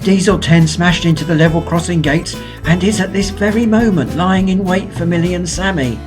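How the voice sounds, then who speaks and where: A woman's voice: lowish voice, moderate pace, over music, voice pushed up, close to an everyday voice. A woman voicing a loyal, cautious male engine in a storybook. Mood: confiding.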